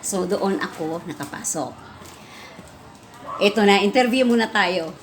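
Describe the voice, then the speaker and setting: A woman's voice: a little slow, a little hiss or hum. A middle-aged woman with a Visayan accent, a preschool teacher telling a story in a casual vlog, chatty with many fillers. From Visayas, Philippines. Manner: chatty, many fillers, rises in pitch when excited.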